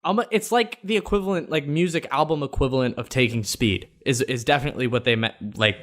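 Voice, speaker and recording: Rambling teenage podcast co-host from Florida. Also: male voice, medium pitch, fast, a bit bright. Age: late teens. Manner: rambling, laughs between thoughts, swears casually. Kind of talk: casual chat.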